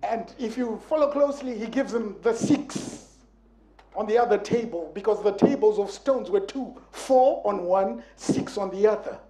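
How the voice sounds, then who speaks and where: A male guest preacher delivering a sermon in a church, playful and animated, acting out quotes with bursts of emphasis. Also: high voice, normal speed. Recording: echoey church sanctuary.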